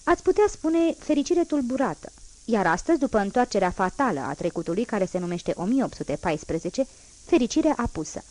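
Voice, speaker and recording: A woman's voice: on the high side, sing-song, a little mellow. A woman reading as a stern old bishop. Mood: reproachful. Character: stern elderly male bishop, reproachful.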